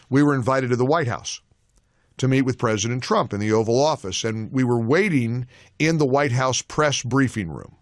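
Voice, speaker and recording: A man hosting a talk radio show, telling an anecdote as an animated storyteller in a studio. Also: mid-range voice, no echo.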